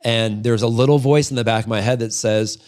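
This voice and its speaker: Speaking a little fast in a steady, darkish, medium-pitched voice, this man in his forties is a podcast guest, once a freestyle motocross rider and now a business owner. He rambles candidly through casual interview stories, cursing without restraint.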